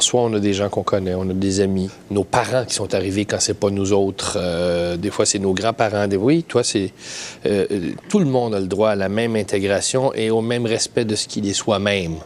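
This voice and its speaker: A man's voice: on the low side, steady tone, normal speed, a little mellow, slight background noise. A man with a Québécois accent, addressing his team in an easygoing, direct way as host. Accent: Québécois French. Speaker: show host.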